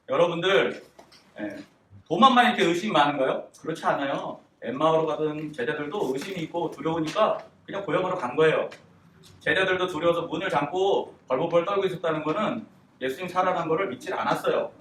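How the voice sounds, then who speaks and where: A man preaches to children in a church room, tossing them questions and acting out little quotes. His voice sits high for a man and is caught from some distance in a reverberant room with a faint hiss underneath. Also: brisk. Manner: animated, asks children questions, acts out quotes. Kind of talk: children's sermon. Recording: echoey room, distant mic, faint noise.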